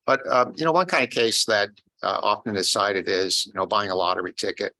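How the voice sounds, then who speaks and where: A man's voice: fairly low pitch, a little fast, bright, forceful tone, low-quality recording. A man in the audience asking a question after a talk, hesitant with many fillers.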